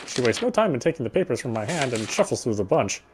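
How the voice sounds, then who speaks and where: A man's voice: medium pitch, big pitch swings, fast talker, soft background music. A man playing a visual novel game, reading its first-person narration aloud. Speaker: game player reading story text aloud.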